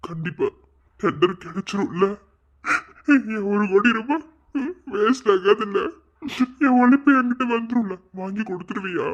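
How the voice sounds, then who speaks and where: A woman's voice: medium pitch, moderate pace, long pauses, close to an everyday voice. A woman voicing a young husband in an amateur cartoon, in pain, with a Madurai Tamil accent and a sobbing, pleading way of talking. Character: young husband, wounded, tearful and scared. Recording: dull lo-fi recording.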